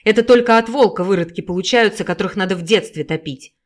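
A woman voicing a cruel, bitter middle-aged mother who shouts with scorn and hatred in an audiobook. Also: medium pitch, expressive, fairly quick, lightly acted. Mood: scornful.

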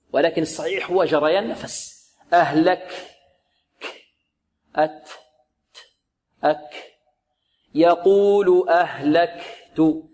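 A man teaching the rules of Quran recitation in a lesson, asking rhetorical questions, answering them himself, and slowly repeating words to show how they should sound. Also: high voice. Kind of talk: tajweed lesson, explaining and demonstrating recitation. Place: religious radio program recording.

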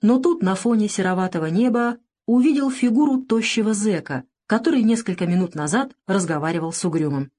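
A woman narrating an audiobook in a measured, even storytelling manner. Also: medium pitch. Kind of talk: audiobook reading of a crime novel.

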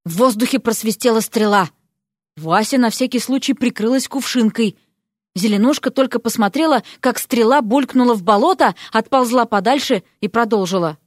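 A woman narrating a fairy-tale audiobook in a lively, playful way. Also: a little high, moderate pace, no echo, clean studio sound.

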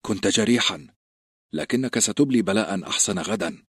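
A man voicing a serious young swordsman who speaks calmly. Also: fairly low pitch, a little fast, slightly rough, no room sound, clean studio sound. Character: serious young male swordsman, calm and steady.

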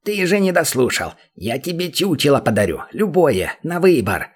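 A man's voice: on the high side, sing-song, moderate pace, slightly rough. A man voicing a small, rude male goblin guild master who whines and pleads, in an audiobook. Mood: whiny, pleading.

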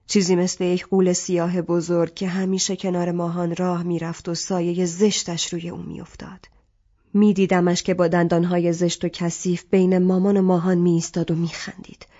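Woman narrating an audiobook calmly. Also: fairly low pitch, muffled recording. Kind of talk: scripted literary narration.

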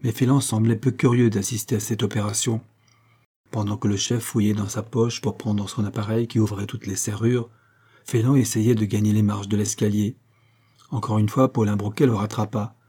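A man narrating an adventure novel in a steady, dramatic storytelling manner. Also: fairly low pitch, normal speed, husky. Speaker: audiobook reader. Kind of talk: scripted narration of a pulp novel.

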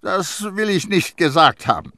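A man putting on a stubborn peasant wet nurse in an audiobook, with a raised, loud voice and curt, blunt replies. The sound is dry and close. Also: a little high, animated, measured pace, vocal fry, no echo, voice pushed up, exaggerated voice. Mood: evasive.

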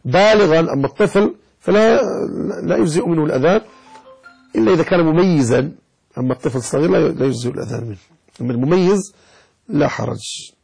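Gravelly husky sheikh teaching. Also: male voice, fairly high pitch, animated, fast talker, a little mellow, rough recording. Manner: chants the call to prayer to show right and wrong pronunciation; scolding, lecturing. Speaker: sheikh teaching Islamic jurisprudence. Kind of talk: religious lesson explaining a text.

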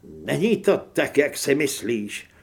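A man voicing a nervous male hunter who pleads and tries to calm an armed man, in an audiobook. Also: medium pitch, gravelly. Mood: placating. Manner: raised, pleading, placating.

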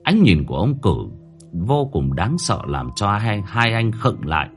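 A man narrating a horror story in a dramatic manner, slowing down at tense moments. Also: lowish voice, very animated, soft background music.

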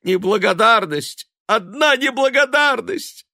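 A man's voice: on the high side, lively intonation, moderate pace, fairly bright tone, dry recording, studio quality, voice pushed up. A man voicing a nagging, stingy old mother. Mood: scolding. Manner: nagging, bitter and self-pitying. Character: stingy, reproachful old mother, scolding her grown sons.

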